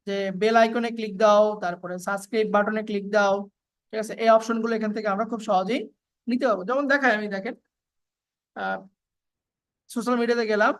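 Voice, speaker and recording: Woman, slightly high voice; relaxed screen-tutorial narrator, halting with fillers. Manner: casual, step-by-step, with frequent fillers and repeats. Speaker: video editing tutor. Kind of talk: screen-recorded software tutorial.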